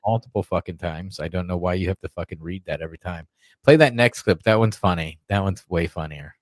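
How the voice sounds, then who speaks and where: A man hosting a casual podcast, talking in a crude, mocking and animated way. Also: low-pitched, brisk, dry recording. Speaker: podcast host. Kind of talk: casual profane chat.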